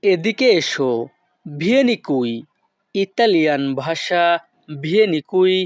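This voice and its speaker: A man teaching short phrases in a slow lesson, repeating each one syllable by syllable. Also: high-pitched, lively intonation, no echo. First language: Bengali. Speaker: language teacher.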